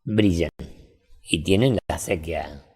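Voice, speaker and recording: An older man with an Argentine accent, telling folksy anecdotes in a relaxed interview chat. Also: sits low, slow pace, husky. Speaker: storyteller.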